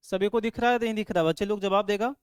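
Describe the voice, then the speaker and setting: A man teaching an online grammar lesson, asking his students questions over and over and loudly sounding out syllables for them to repeat. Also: sits high, fairly even intonation, fast, smooth, no room sound, studio quality. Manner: repeats "ठीक है" and quizzes students constantly; drills syllables aloud, louder on examples. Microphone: microphone.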